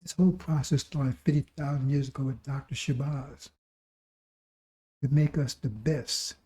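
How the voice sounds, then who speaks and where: Hoarse, very muffled-toned male preacher. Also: medium pitch, steady tone, normal speed, dark tone. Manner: exhorting, repetitive, with rhetorical questions. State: recovering voice. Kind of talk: sermon.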